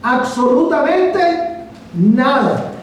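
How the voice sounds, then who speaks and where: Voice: high-pitched, sing-song, extremely slow, a little hiss or hum. A preacher delivering a Spanish sermon, emphatic, asking the congregation rhetorical questions and calling them brother. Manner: addresses listeners as brother. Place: church sanctuary. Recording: echoey sanctuary, mic from far off.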